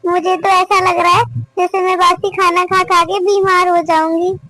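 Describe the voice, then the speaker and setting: A woman's voice: very high voice, little pitch movement, normal speed, pushed and bright, no echo, faint music behind. A woman voicing an overworked young daughter-in-law in a cartoon family drama, pleading and complaining. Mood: plaintive. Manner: pleading, plaintive.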